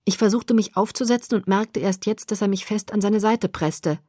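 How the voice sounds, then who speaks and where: A woman narrating a first-person audiobook in an expressive reading style. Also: medium pitch, normal speed, no echo, studio quality. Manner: expressive, with varied character voices.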